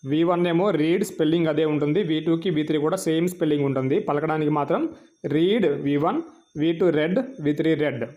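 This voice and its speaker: A man with a Telugu accent leads a classroom-style vocabulary lesson in a slightly high voice. He spells every word letter by letter and runs through each verb form in slow, patient lists. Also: darkish tone. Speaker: English teacher. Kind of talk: vocabulary lesson, Telugu explanations of English words.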